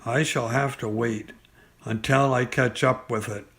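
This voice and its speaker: A mild, slow-witted storybook bear , read out by a man. He speaks slowly and deliberately, as if puzzling things out. The voice has a creaky edge. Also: medium pitch, fairly even intonation, a bit bright, heavily acted. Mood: musing. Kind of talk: children's storybook character voice.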